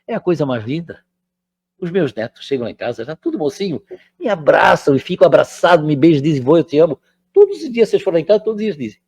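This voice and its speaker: An older man lectures at a spiritist center in a relaxed, conversational way. His voice sits noticeably high, and he keeps turning to the audience to check that they are following. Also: fast, breathy edge.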